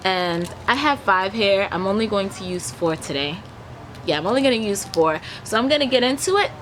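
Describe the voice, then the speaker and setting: A woman's voice: medium pitch, animated, moderate pace, fairly bright tone. A young woman chatting casually to camera, explaining a tutorial step by step as she works. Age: young adult. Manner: chatty, explains step by step while applying makeup. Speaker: beauty vlogger giving a makeup tutorial. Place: backyard outdoors, leafy garden. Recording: noisy outdoor ambience, traffic hum. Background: outdoor ambient noise.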